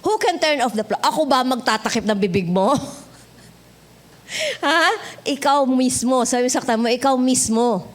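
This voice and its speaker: Filipino woman pastor, high voice, chatty sermon with jokes for the congregation. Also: animated, brisk, pauses often. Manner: conversational, switching between Tagalog and English, joking with the congregation. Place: church sanctuary.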